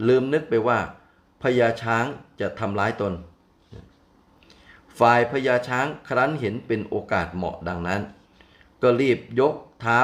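An older man telling a folk tale, folksy and digressive, stopping often to explain things in his own words. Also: lowish voice. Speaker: storyteller. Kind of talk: folk tale narration with asides.

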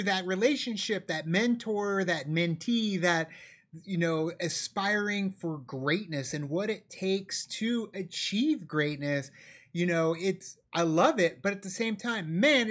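A man's voice: high-pitched, fairly bright tone. A man co-hosting a movie reaction, chatting casually and thinking aloud with many restarts. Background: faint movie soundtrack.

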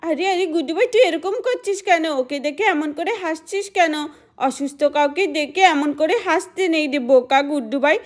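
Woman doing a sensible big-sister girl in a doll show, earnest, high-ish voice. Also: a little fast, lightly acted. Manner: scolding, earnest. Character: kind sensible older village girl.

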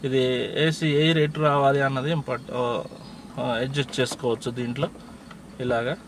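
A man's voice: medium pitch, fairly even intonation, brisk, slight background noise. A man with a Telugu accent patiently explains car controls step by step from inside a parked car, recorded on a handheld phone. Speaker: driving instructor. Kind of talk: casual how-to explanation.

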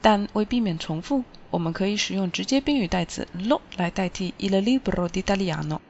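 A woman's voice: mid-range voice, animated, a little fast, darkish tone, slight background noise. Woman teaching Italian, dull lo-fi audio. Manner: clear, explaining step by step. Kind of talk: recorded language lesson.

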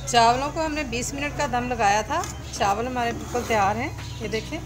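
A woman calmly explaining a home recipe step by step as a cooking voice-over. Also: on the high side, normal speed. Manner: calm, instructive, walks through each step. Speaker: cooking channel host. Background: background music and sizzling pan.

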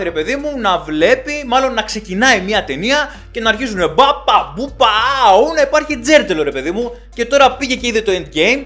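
Man, 30s, YouTube film reviewer; sarcastic, high-voiced comment reader. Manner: sarcastic, animated, switches voices. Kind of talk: reading and answering viewer comments.

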